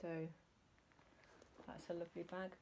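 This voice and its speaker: A woman with a low, gravelly voice rambles through a casual home vlog, pausing often with ums and restarts. A faint hum of background noise sits under her voice. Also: completely flat delivery, a little mellow. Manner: rambling, hesitant with many ums. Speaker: reseller vlogger. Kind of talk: casual chat.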